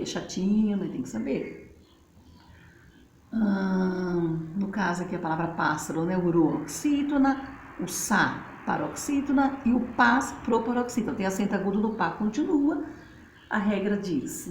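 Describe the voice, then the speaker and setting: A woman's voice: medium pitch, a little mellow. A woman teacher, patiently explaining at a board and spelling out syllables in a chatty way. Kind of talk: casual classroom explanation. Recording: roomy, faint background noise.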